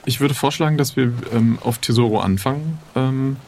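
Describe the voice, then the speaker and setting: A man plays an improvised adventure game, speaking casually, politely, and with some hesitation in this casual role-play. His medium-pitched, darkish voice moves at normal speed against slight background noise.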